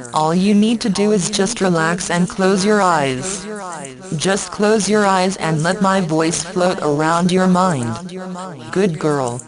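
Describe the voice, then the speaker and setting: A woman with a slightly low voice talks slowly through a guided hypnosis session. Her delivery is soft, repetitive and coaxing. Overlapping copies of her own voice murmur beneath her, like a layered crowd. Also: rough recording.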